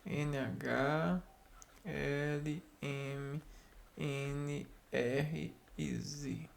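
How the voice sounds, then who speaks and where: Slow, gravelly man repeating grammar words. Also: a little high, fairly even intonation, a little hiss or hum. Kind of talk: reading and explaining spelling rules aloud.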